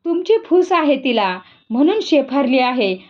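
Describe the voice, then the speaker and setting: A woman's voice: high voice, very animated, moderate pace. A woman voicing an enraged older male village priest, harsh and scolding, in a spoken story reading. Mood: furious. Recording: dull lo-fi recording.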